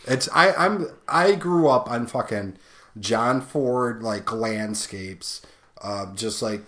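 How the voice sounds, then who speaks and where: A man's voice: mid-range voice, slow, sharp tone. A young man co-hosting a casual podcast chat, talking in rambling, profane asides. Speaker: podcast co-host.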